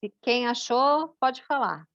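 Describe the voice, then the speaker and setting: A woman leads a church women's group discussion and gently asks the others to share. The sound is dull and dry, with a lo-fi quality. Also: fairly high pitch, lively intonation, slow pace, dry recording. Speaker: group leader.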